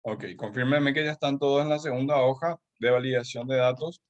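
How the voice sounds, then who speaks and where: This is a man, teaching a live class over a video call. He talks in a mid-pitched voice with a loose, chatty flow full of fillers and tag questions. The sound is dry and close, with no room around it. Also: a little fast, no room sound, muffled recording. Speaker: Excel course instructor.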